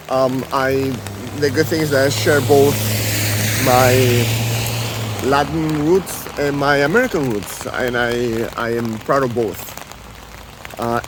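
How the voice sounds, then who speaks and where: A man raised in Venezuela chatting casually as a travel vlogger, rambling with many fillers and restarts, filming himself outdoors on a handheld camera under an umbrella. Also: mid-range voice. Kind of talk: casual walking vlog. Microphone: handheld camera held close. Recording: rain noise on outdoor camera mic. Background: rain falling.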